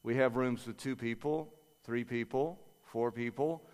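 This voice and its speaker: An older man preaching a sermon and praying aloud, earnest, moving from quiet prayer to lively storytelling. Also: medium pitch, unhurried, smooth. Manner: earnest, prays aloud softly then preaches with rising energy. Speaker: pastor. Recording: long reverb of a large hall.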